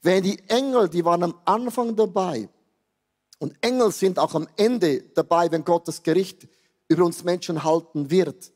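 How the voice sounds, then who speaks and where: A man in his fifties with a Swiss German accent preaching a sermon, animated and joking, dropping to quiet asides and rising to exclamations. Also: sits high, normal speed. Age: 50s. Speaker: pastor. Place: large church hall. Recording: long hall reverb.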